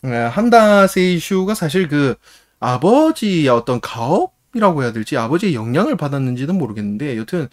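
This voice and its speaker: Brief: male manga reviewer, casual storyteller, lively pitch swings, chuckles often. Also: normal speed. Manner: animated, chuckling retelling.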